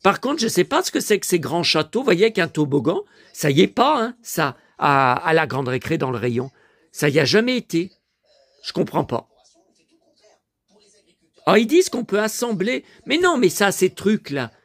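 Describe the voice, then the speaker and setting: Hoarse, gravelly-voiced man chatting to viewers. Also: sits high, big pitch swings, normal speed, dry recording. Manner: chatty, grumbling, addresses viewers directly. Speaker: collector vlogger showing his purchases. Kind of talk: casual chat to viewers.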